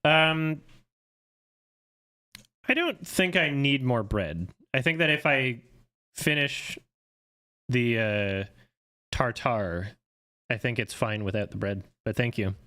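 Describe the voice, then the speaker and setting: A Canadian man in his thirties, a film critic, chats casually on a live stream in a sarcastic, joking way. His voice sits in the mid range with a sharp tone, and he's quick with a joke.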